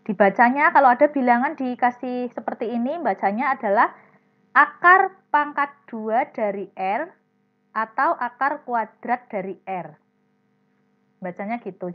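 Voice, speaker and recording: A woman teaching a primary class online, explaining step by step and calling on students by name. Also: on the high side. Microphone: video call. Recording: dull lo-fi video call audio.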